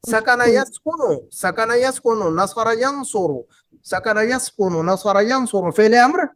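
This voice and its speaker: A man's voice: very high voice, a little slow, a bit bright. A man teaching an Arabic class, patiently repeating phrases and quizzing his students. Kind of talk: online class lesson.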